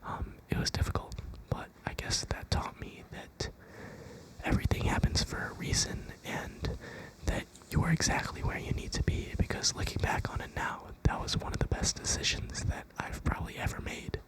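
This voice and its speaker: A young adult whispering a gentle, reassuring pep talk of ASMR affirmations in an unhurried way. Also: rough recording. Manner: whispering throughout. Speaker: ASMR creator.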